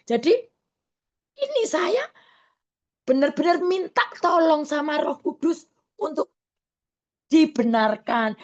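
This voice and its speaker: A woman evangelist delivers an earnest sermon over an online call, speaking very slowly in a somewhat high voice. She pauses on fillers and restarts her phrases as she goes. The audio is dull and lo-fi, like call sound. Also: a little mellow. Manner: earnest, slow, with frequent fillers and self-corrections. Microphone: video call.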